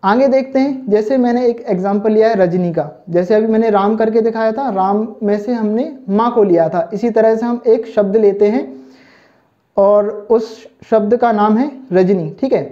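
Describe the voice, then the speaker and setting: This man has a high-pitched, dark voice and speaks at a moderate pace while teaching Hindi online for exam preparation. He affectionately addresses his students as children and repeatedly asks "thik hai" and "samajh mein aaya na" to confirm they've understood. The audio is muffled, dull and lo-fi.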